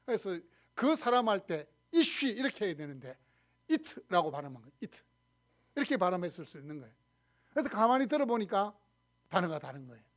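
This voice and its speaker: A male pastor with a Gyeongsang accent preaching a sermon, telling the story expressively and acting out quoted lines. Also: high-pitched. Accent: Gyeongsang Korean. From Gyeongsang region, Korea. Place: church sanctuary.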